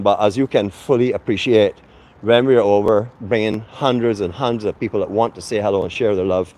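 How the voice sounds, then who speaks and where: A man talks his viewers through a venue as he walks, chatty and friendly, with plenty of fillers. His voice sits a little low. It is picked up by a handheld camera as he moves around under a tent. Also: darkish tone. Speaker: vlogger. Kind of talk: casual walk-through vlog.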